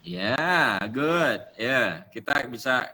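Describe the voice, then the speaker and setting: A man's voice: medium pitch, lively intonation, very slow, bright, forceful tone. A man with an Indonesian accent teaching an English class, mixing English words into his explanations with many fillers. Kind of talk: online class lesson.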